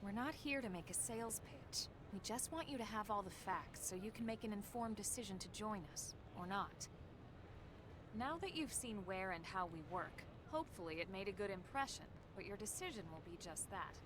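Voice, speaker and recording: A woman plays a composed female squad leader from a video game, speaking in measured, even tones of mid pitch. Game audio carries her voice with clear background noise underneath. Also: close to an everyday voice.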